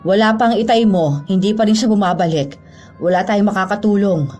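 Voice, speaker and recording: A woman voicing a worried middle-aged mother who speaks to her daughters in a soft, protective way. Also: medium pitch, brisk, faint music behind, lightly acted. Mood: concerned.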